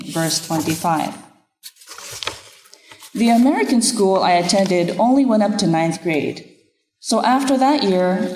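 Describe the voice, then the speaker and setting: A woman minister whose first language is Japanese, giving an earnest, reflective sermon in a measured way. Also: medium pitch, a little mellow. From Nepal. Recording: echoey room with long reverb.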